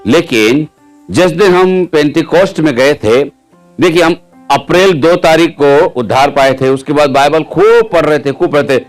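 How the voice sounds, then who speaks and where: A man's voice: fairly high pitch, moderate pace, faint music behind. A male preacher telling his testimony in a sermon, keeping the audience involved with frequent questions. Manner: lively storytelling, quizzing the audience with questions.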